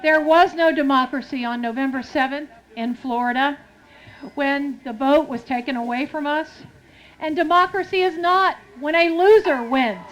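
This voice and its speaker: A woman's voice: sits high, normal speed, rough recording. A woman giving an impassioned, declamatory protest speech that ends in a chant. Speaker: rally speaker.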